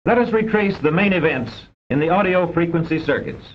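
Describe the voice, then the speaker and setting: On a dull old film soundtrack full of rumble, a man reads educational narration briskly and with animation. The delivery stays formal, precise and instructive throughout.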